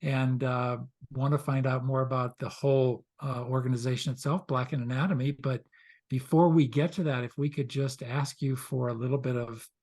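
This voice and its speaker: Halting male podcast host. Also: mid-range voice, fairly even intonation, a little mellow. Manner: halting, many "uh" and "um" fillers. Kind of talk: podcast interview.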